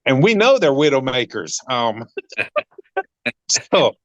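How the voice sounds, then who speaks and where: A man's voice: slow, no echo. Man, podcast host, chatty, casual, repeats words, dry close sound, slightly muffled. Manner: chatty, many ums, repeats words, pitch jumps up when excited. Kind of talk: casual interview chat.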